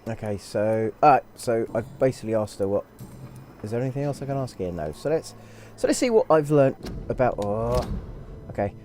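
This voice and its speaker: A man's voice: medium pitch, big pitch swings, brisk, darkish tone. A man giving casual gameplay commentary, thinking aloud and rambling with restarts. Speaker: let's play gamer. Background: game music.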